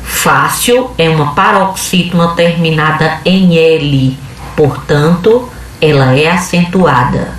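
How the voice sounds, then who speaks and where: A woman's voice: sits low, takes it slowly, a little hiss or hum. Casting: woman teacher, patient step-by-step explainer, heard from a distance in a very echoey room. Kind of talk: video lesson.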